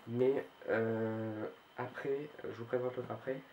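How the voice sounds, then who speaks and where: A man's voice: mid-range voice, fairly even intonation, measured pace, very noisy. A man casually showing his book collection on his video channel, talking hesitantly with many fillers and restarts. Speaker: book vlogger.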